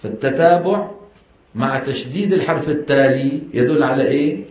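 A man's voice: medium pitch, fairly quick. A middle-aged man teaches Quran recitation, explaining step by step, questioning the class and modeling the sounds. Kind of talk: classroom lesson. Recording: echoey room, dull sound.

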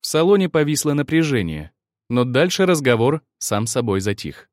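A man reads first-person fiction aloud as an audiobook narrator, with a lively, rising and falling delivery. His voice sits mid-pitched. The sound is dry and close, with no room around it. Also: moderate pace, no room sound. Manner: expressive first-person reading.

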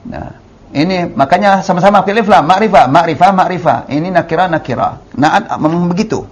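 A man's voice: high-pitched, brisk, husky. A man with an Indonesian accent teaching Arabic grammar, repeating key terms and drawing out the words he demonstrates. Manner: explains patiently, repeats key terms, drawls the words he models. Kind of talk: classroom grammar lesson.

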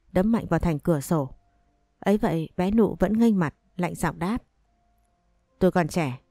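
Low, mellow woman narrating a story. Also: no echo, studio quality. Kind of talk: first-person storytelling narration.

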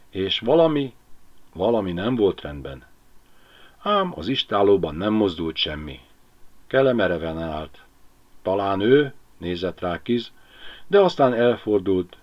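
Male audiobook narrator, low and very lively delivery, lo-fi sound. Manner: expressive storytelling. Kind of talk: audiobook reading.

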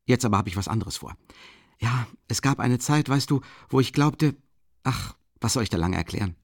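A man reading an excitable young man who rambles and breaks off mid-sentence. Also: mid-range voice, moderate pace, breathy edge, no echo, clean studio sound. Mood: emphatic. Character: agitated young man, excitable, talkative friend.

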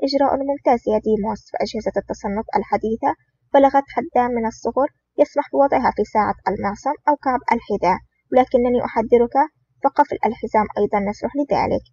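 A reader speaks as a cool, sardonic male agent who mocks with calm ease. The delivery is quick, and the audiobook recording sounds dull and lo-fi with a faint hiss. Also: mid-range voice, lightly acted. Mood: calm mocking. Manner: mocking, calm. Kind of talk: audiobook reading.

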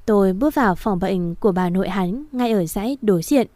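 A woman's voice: medium pitch, expressive, a little fast, warm tone, no echo. Woman narrating an emotional story. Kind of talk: first-person audiobook narration.

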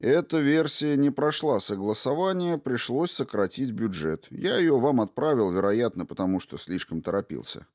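A man voicing an evasive male fund official who answers questioning with indignant, smooth denials. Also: medium pitch, expressive, normal speed, few pauses, a little mellow, no echo, clean studio sound, pitched above the performer's own voice, lightly acted. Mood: defensive.

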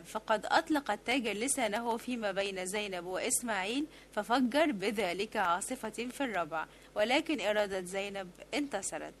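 A woman narrates a literary novel as an audiobook, her voice sitting a little high. She reads in a measured, steady manner, with a faint hum underneath. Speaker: audiobook reader.

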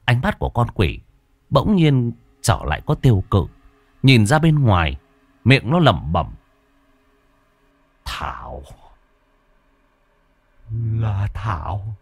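A man narrating a horror story in a dramatic, drawn-out storytelling manner. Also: mid-range voice, wildly swooping pitch, no echo.

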